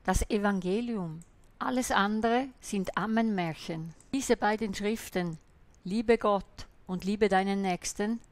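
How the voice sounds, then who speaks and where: A woman's voice: mid-range voice, dry recording. A woman voicing a sermon in translation, preaching in an emphatic, admonishing way.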